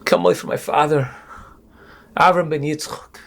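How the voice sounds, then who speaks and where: A dazed, grieving father, voiced by a male storyteller answers in halting, tearful phrases. His voice sits a little high with a gravelly rasp. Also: steady tone, a bit bright.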